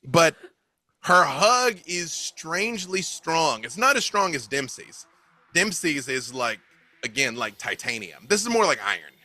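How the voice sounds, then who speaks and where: A man's voice: fairly high pitch, very animated, measured pace, pushed and bright, no room sound. A man narrating as game master in a loose, chatty way with lots of fillers.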